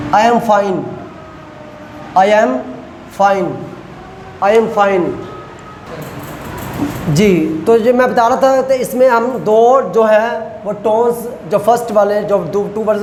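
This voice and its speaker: A man teaching a class, explaining rules step by step and slowly repeating example phrases. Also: high voice, a little mellow. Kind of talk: classroom lecture. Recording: echoey lecture hall with faint noise.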